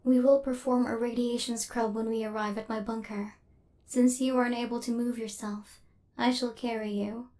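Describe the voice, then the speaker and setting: Playing a female robot hunter in an intimate ASMR roleplay, a woman speaks in a natural, fairly high, very level voice at a moderate pace. Her phrasing is formal, clipped, machine-like and deadpan, and her character is coldly logical while possessive and tender toward her human target. The mood is calm and protective.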